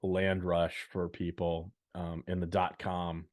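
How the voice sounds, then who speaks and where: A man's voice: low-pitched, completely flat delivery, slow. A man from the United States co-hosting a casual business podcast, chatting and walking through numbers. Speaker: podcast co-host.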